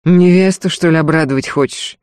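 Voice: mid-range voice, normal speed, a little mellow, no room sound, close to an everyday voice. A reader voicing a restrained, grumbling middle-aged peasant husband in an audiobook. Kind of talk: audiobook character voice.

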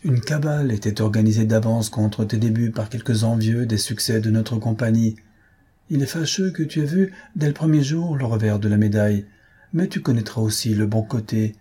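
A man's voice: lowish voice, moderate pace, mellow, slightly rough. A man reading aloud and voicing a shrewd older theatre director, speaking in a soothing, paternal way. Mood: coaxing. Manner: coaxing, paternal.

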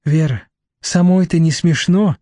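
A man's voice: a little high, measured pace, dark tone, no room sound, clean studio sound, close to an everyday voice. A man reading an audiobook, voicing a shrewd middle-aged woman who talks bluntly and sardonically. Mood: sardonic.

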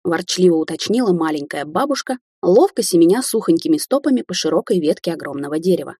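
Female audiobook narrator, husky and low, with a dry close sound. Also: lively intonation, quick pace, warm tone, no echo.

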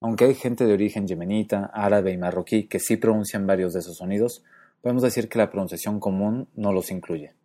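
A man with a fairly low voice narrates a scripted lesson. His delivery is measured and explanatory. He slows down deliberately to pronounce each example word. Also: warm tone. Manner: measured and explanatory, slowing to spell out example words. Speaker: language lecturer.

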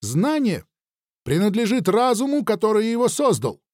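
A man's voice: sits high, big pitch swings, normal speed, darkish tone, no room sound, clean studio sound, voice pushed up. A man reading an audiobook, voicing a haughty alien intelligence with a thin voice, somewhere between a woman and a child. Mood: taunting. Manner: cold, haughty, taunting. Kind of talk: audiobook character voice.

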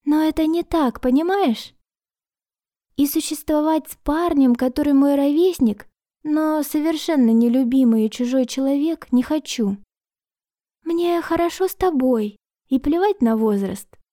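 Женщина изображает игривую юную девушку, звонкую и дразнящую. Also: female voice, unhurried, dry recording, clean studio sound. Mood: earnest. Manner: playful, higher, brighter voice. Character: bubbly young woman, playful and teasing.

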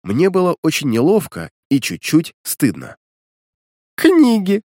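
A man calmly reading a first-person audiobook, narrating the story and the hero's lines. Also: mid-range voice, normal speed, no room sound, clean studio sound.

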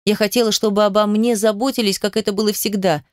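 A woman's voice: mid-range voice, steady tone, fast talker, no echo, studio quality. A woman reading a first-person story aloud in an emotional, intimate way. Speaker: narrator. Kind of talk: first-person audiobook narration.

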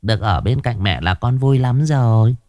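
A man voicing a child's ghost speaking through an old man, soft and begging. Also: medium pitch, animated, normal speed, dry recording, studio quality, lightly acted. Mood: pleading.

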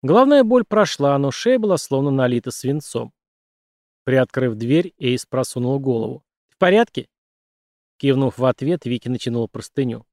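A man narrating an audiobook in a steady, even reading voice. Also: mid-range voice, moderate pace, dry recording, clean studio sound. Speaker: audiobook reader. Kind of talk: scripted narration.

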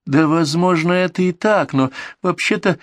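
A man voicing Ktoya, a curious and skeptical woman, in an audiobook reading, asking her questions slowly in a raised voice. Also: no room sound, studio quality, natural voice. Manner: high, slow, questioning.

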